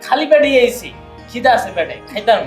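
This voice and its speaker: A woman playing a quick, argumentative young in-law in a comedy short film. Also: fairly high pitch, animated, soft background music, close to an everyday voice. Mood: arguing. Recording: echoey room.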